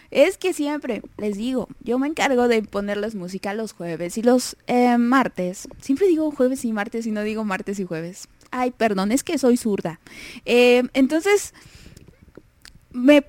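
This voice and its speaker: A woman's voice: a little high, dry recording. A young woman with a Mexican Spanish accent hosting a casual radio show, chatty and self-deprecating, laughing often.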